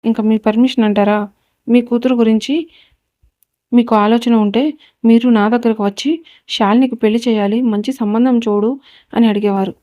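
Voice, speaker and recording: A woman's voice: fairly high pitch, little pitch movement, normal speed, pauses often, no echo, natural voice. A woman reading the lines of a domineering young man who speaks coldly and makes threats, in a Telugu audio story. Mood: stern. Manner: cold, commanding and quietly threatening.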